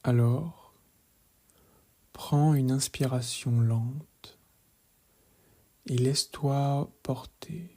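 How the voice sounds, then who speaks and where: A man leading a guided relaxation meditation in a calm, measured voice, soft and hushed, often slipping into a whisper. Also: medium pitch. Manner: calm, measured, gently instructive.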